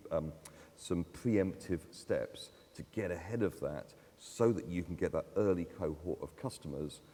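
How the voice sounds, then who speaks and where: A man's voice: sits low, unhurried, dark tone. A man speaking at a conference, talking conversationally with fillers and the odd laugh. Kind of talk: live talk at a conference. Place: conference hall. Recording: long hall reverb.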